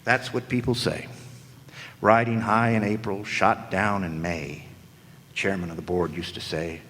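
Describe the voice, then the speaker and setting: A man with a deep, steady, fairly bright voice speaks unhurriedly as a jaded hard-boiled private eye, trading sardonic, slangy quips in first-person 1940s radio noir narration. The live hall performance sounds echoey, with background noise.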